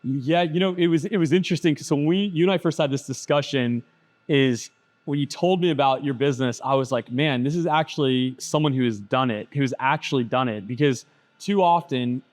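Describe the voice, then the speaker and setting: A man's voice: mid-range voice, a little fast. A man hosting a casual interview show, enthusiastic and loose, calling his guest "bro" and "dude". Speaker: podcast host.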